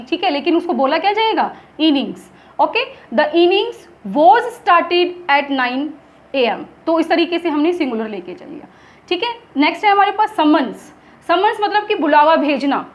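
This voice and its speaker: A woman teaching English grammar in Hindi, asking and answering her own questions and dictating examples slowly. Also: extremely high pitch, highs cut off. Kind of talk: classroom lesson in Hindi.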